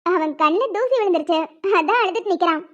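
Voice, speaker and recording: A woman's voice: very high-pitched, animated, fast. A woman voicing a meek, patient young woman who speaks politely and apologetically in a cartoon. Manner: soft-spoken, apologetic, polite. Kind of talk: cartoon voice acting. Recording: dull lo-fi sound.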